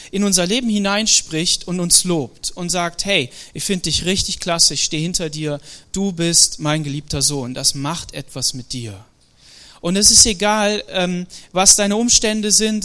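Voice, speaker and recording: A man preaching a Sunday sermon in a lively, animated way, with frequent fillers and hesitations. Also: high voice. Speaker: pastor.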